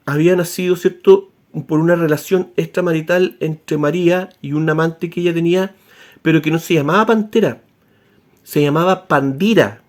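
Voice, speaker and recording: A man explaining history in an informal spoken lecture, animated and full of tag questions and restarts. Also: sits high.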